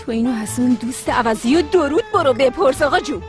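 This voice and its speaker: A woman dubbing a hot-tempered, sharp-tongued young woman in a TV comedy drama, irritable and snappy. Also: high voice, animated, soft background music. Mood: angry.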